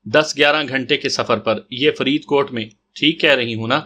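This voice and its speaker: A man reading the lines of a fiery, possessive woman in an audio story, rough-spoken and teasing. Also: mid-range voice, bright, forceful tone.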